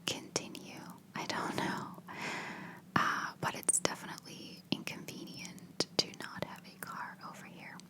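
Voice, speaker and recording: A woman whispering in a hushed voice, chatting casually in a rambling ASMR style. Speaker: ASMR video creator.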